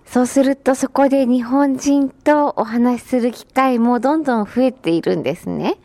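A woman's voice: high voice, normal speed, warm tone, no room sound. A woman hosting a radio interview show, formal, courteous and encouraging as she asks her guest questions. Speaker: radio host.

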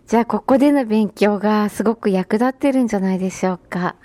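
A woman's voice: medium pitch, fast talker, mellow, no room sound. A woman hosting a radio interview show, formal, courteous and encouraging as she asks her guest questions. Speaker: radio host.

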